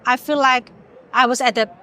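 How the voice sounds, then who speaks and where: A woman, a podcast guest giving a candid, emotional personal testimony, halting and searching for words, teary-eyed. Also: high-pitched, fairly even intonation, sharp tone, some chatter behind.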